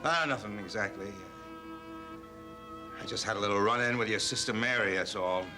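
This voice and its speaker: An actor playing a middle-aged father, hurried and gruff. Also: on the low side, close to an everyday voice. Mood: brusque. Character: middle-aged father, brusque bar owner. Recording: old TV broadcast with music.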